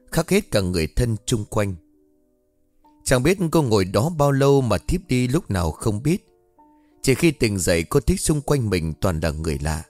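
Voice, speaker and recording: A man narrating a dramatic story in a steady, measured way. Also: fairly low pitch, no room sound.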